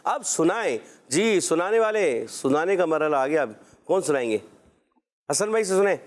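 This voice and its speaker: A male Quran teacher with a high, smooth and resonant voice, leading a children's pronunciation lesson. He speaks patiently and encouragingly and stretches each letter sound out slowly for the class to repeat. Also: expressive.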